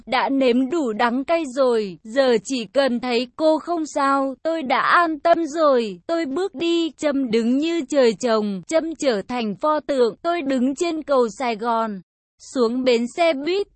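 A woman reads a heartfelt first-person story with emotional, dramatic delivery. Her voice is high, and the recording is dry and close with no room sound. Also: no echo. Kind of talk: reading a first-person love story aloud.

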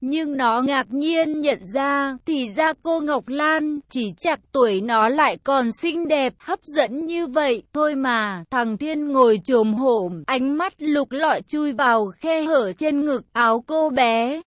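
A woman narrating a story in an even storytelling reading. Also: high voice, slow pace, few pauses, dry recording.

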